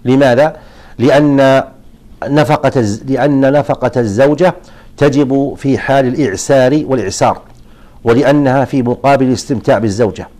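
An Islamic scholar answers religious questions from listeners, giving a measured, explanatory lesson with frequent restarts. His voice is medium-pitched with a darkish tone.

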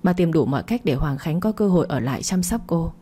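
A woman calmly narrating a story as an audiobook reader. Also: sits low, quick pace, slightly rough.

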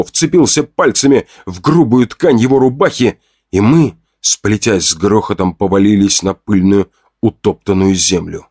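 A man's voice: lowish voice, a little mellow, no echo, studio quality. A man giving a tense, dramatic first-person audiobook narration.

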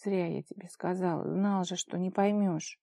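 A woman's voice: mid-range voice, steady tone, a little fast, dark tone, no room sound, studio quality, close to an everyday voice. A woman reading an audiobook voices a sardonic young man who speaks with irony and weary exasperation. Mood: exasperated. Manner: ironic, mocking then tender.

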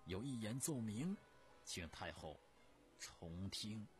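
A male storyteller voicing a principled court minister who argues in measured, drawn-out, dogged speech. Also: on the low side, expressive, soft background music. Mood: resolute.

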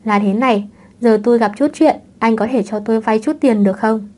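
A woman's voice: a little high, steady tone, brisk, darkish tone, natural voice. A woman voicing a playful, scheming young mother who talks breezily and teases, in an audiobook reading. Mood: breezy.

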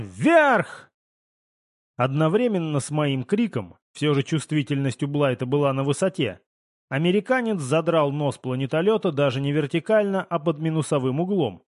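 A man reading a first-person novel aloud in a steady, even storytelling voice. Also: fairly high pitch, no room sound, clean studio sound. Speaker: audiobook narrator. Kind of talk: scripted first-person audiobook narration.

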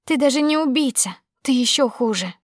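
A woman's voice: sits high, animated, brisk, no room sound, studio quality, pitched above the performer's own voice. A woman voicing a defiant, tearful young woman. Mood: bitter. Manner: loud, pleading, indignant outbursts. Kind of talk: audiobook character voicing.

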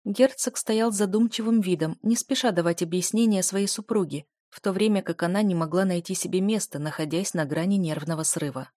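A woman narrating an audiobook in a measured, even reading voice. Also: on the low side, no room sound, studio quality. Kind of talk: scripted narration.

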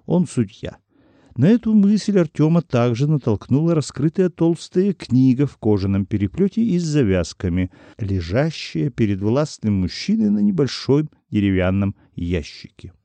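A male audiobook narrator reads in an expressive storytelling manner, his voice very dark and mellow with a lively, wide-ranging pitch. The recording is close and dry. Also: moderate pace, hardly any pauses, dry recording.

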